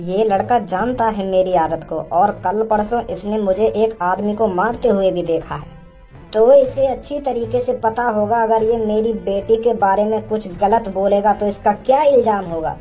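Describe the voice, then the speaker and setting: A woman's voice: medium pitch, normal speed, mellow, soft background music, close to an everyday voice. A woman voicing a stern middle-aged cartoon father who scolds and bosses the young men around. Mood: bossy. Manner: scolding, bossy. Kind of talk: cartoon comedy dubbing.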